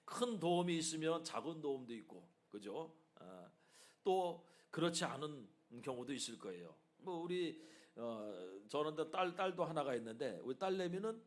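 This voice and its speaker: A middle-aged man preaching a sermon as pastor of his church. He speaks with animated emphasis and often tosses in rhetorical asides to the congregation. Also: fairly high pitch, normal speed. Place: church sanctuary.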